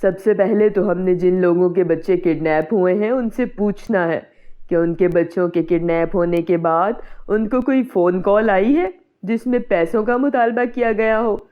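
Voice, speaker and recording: Brief: a woman doing a steady, take-charge neighbour man, tinny phone-like sound. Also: medium pitch, normal speed, close to an everyday voice. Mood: firm. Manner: firm, reassuring planning. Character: calm helpful male neighbour, steady and decisive.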